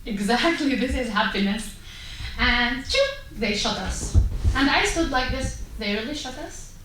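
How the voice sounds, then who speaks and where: A woman's voice: high voice, animated, measured pace. A woman from Syria, speaking passionately and emphatically at a panel, pressing rhetorical questions. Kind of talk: impassioned panel talk. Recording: echoey hall, distant mic, faint noise.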